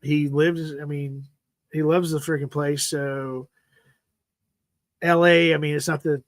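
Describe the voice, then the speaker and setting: A man in his fifties rambles through a casual sports chat, circling back and leaving sentences unfinished. His voice sits a little high for a man and comes across dry and close, with no room sound around it. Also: little pitch movement, measured pace, no echo. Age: 50s. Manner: rambling, repeats "freaking", trails off mid-sentence. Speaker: livestream host.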